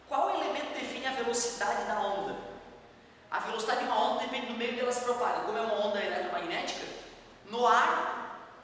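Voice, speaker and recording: A man's voice: very high voice, bright, forceful tone. Man lecturing from far off in an echoey hall. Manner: patient step-by-step explaining with casual asides to students. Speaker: physics teacher. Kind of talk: classroom lecture. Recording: very echoey, distant, faint background noise.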